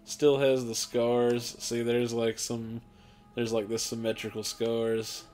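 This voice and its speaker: A man at a middle pitch gives loose, rambling commentary on a game's character creator. He sounds tired, fills his talk with likes and you-knows, and has faint music running behind him. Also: completely flat delivery, slow, a little mellow. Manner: rambling, offhand, lots of fillers. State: tired, hiccuping and yawning. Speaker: gaming channel host. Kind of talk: casual gameplay commentary.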